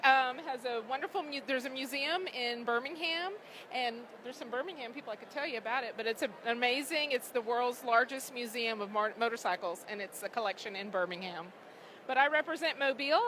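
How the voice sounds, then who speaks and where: A woman's voice: sits high, pushed and bright, a little hiss or hum. A woman exhibitor at a trade show booth, talking enthusiastically and rambling a little. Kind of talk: pitching at a booth.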